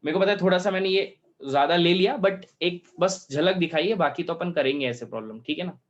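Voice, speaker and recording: A male math teacher explains a problem step by step, often checking that the class is following. His voice sits a little high for a man and slows almost to dictation speed when he reads out formulas. The recording sounds slightly muffled. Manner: talks through steps aloud, checks in with students often. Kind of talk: whiteboard math lesson.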